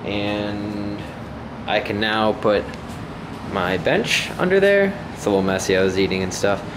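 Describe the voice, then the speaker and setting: A casual male home gym vlogger with a fairly deep voice talks off the cuff at a measured pace, hesitant and unscripted. He films in his indoor concrete basement gym on a handheld camera mic he runs himself, and a noticeable hum is audible.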